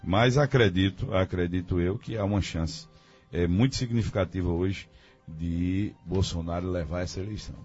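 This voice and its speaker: A man's voice: sits low, moderate pace, a little mellow, husky, soft background music. A man giving his political analysis as a guest on a radio debate, thinking aloud with many fillers and restarts. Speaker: guest commentator. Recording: dull lo-fi radio studio sound.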